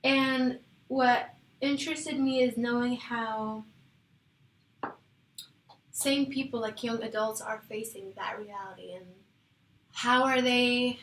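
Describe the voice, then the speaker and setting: A woman's voice: a little high, fairly even intonation, takes it slowly, long pauses, fairly bright tone. A young woman from Iraq presenting her research proposal to classmates, hesitant, with fillers and self-corrections. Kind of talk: casual class discussion. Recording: echoey room with faint noise.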